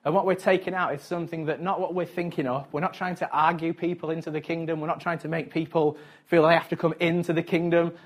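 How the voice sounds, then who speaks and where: A man's voice: on the high side, little pitch movement, fast talker. A male pastor preaching a sermon in a conversational, chatty way, with chuckles between his points.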